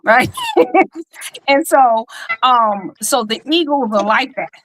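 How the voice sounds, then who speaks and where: A woman's voice: on the high side, measured pace, a bit bright, slight background noise, poor audio. A woman hosting a casual livestream over a video call, talking with many fillers and frequent laughs. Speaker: host reading spiritual charts.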